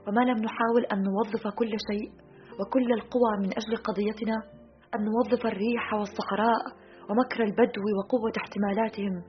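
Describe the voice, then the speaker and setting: Audiobook: sad, brooding exiled man, quiet and heavy, read by a woman, brisk, muffled, soft guitar under. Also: mid-range voice, close to an everyday voice. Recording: slightly muffled, soft guitar music behind.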